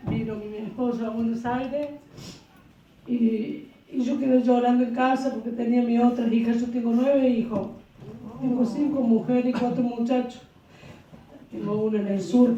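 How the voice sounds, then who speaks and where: Halting Argentine woman in an echoey hall. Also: a little high, mellow, slight background noise. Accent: Argentine Spanish. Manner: halting, repetitive retelling with restarts. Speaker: churchgoer giving testimony. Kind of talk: personal religious testimony. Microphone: far from the microphone. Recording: dull, distant, very echoey hall.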